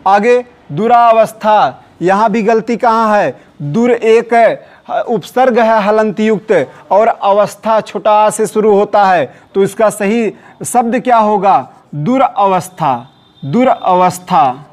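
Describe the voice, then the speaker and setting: A man's voice: high-pitched, slow pace, darkish tone. A man teaching a Hindi spelling lesson for exam prep, quizzing the listener and repeating each correct answer for emphasis. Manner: recites short Urdu couplets between examples.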